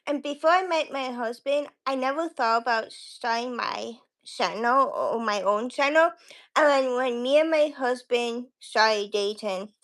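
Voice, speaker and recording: A woman's voice: fairly high pitch, a little slow, a bit bright. A woman chatting casually on a livestream as a guest creator, rambling and acting out remembered conversations. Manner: rambling, quotes conversations with frequent "like".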